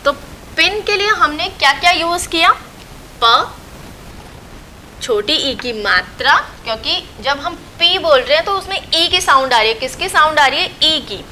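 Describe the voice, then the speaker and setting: Slow, bright-voiced woman teacher. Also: high voice, lively intonation, a little hiss or hum, rough recording. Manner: slow, patient, repeats and asks questions then answers them. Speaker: school teacher. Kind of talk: recorded online lesson for young children.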